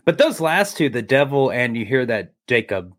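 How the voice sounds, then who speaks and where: Mid-pitched man co-host, relaxed and loose, repeats himself, casual cursing. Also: normal speed. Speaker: paranormal podcast co-host. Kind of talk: casual chat.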